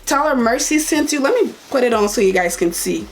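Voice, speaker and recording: This young adult vlogger from Liberia, who grew up partly in Ivory Coast, answers viewer questions in a casual chat straight to camera. She has a Liberian accent and a slightly high, animated voice, talking a little fast.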